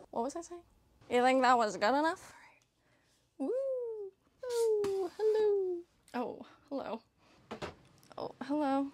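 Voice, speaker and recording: The camper is new, and the young woman vlogging about it in a high voice can't stop rambling, laughing and cursing casually while teasing herself. The clip moves between the trailer and the land outside, with a little hiss or hum in the background.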